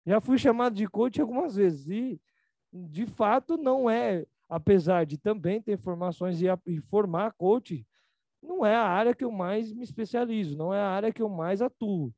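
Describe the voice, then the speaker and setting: Slangy Brazilian man, high voice. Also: moderate pace, a little mellow, dry recording. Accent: Brazilian Portuguese. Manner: casual and slangy, mimics others in a higher voice. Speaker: emotional reprogramming teacher. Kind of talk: live online class. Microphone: video call.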